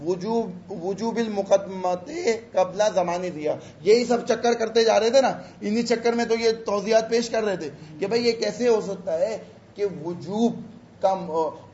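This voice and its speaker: A man teaching a class, reading Arabic phrases slowly and explaining them in a chatty, teasing way. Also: sits high, a little mellow, a little hiss or hum. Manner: chatty, teasing asides to students. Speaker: teacher of religious law. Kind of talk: lecture explaining an Arabic text. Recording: echoey, dull room recording.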